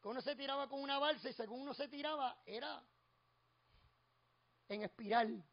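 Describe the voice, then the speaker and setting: A middle-aged man with a Puerto Rican accent preaches with a strikingly high voice. He tells homely stories and climbs into fervent, repeated refrains. The recording sounds dull and lo-fi. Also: moderate pace, creaky. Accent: Puerto Rican Spanish. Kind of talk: expository sermon with personal stories.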